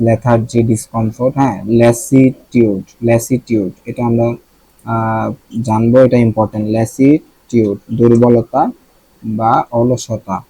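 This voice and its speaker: A man's voice: mid-range voice, mellow, breathy edge, rough recording. A young man with a Bangladeshi accent teaching vocabulary in a casual lesson, thinking aloud and repeating words to check his pronunciation.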